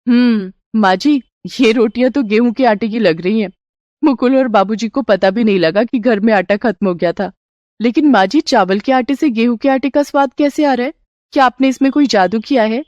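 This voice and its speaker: A woman voicing a curious, eager young daughter-in-law in an animated storybook, talking in a bright, wondering way. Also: fairly high pitch, normal speed, no room sound, lo-fi sound, lightly acted. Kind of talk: storybook character voice.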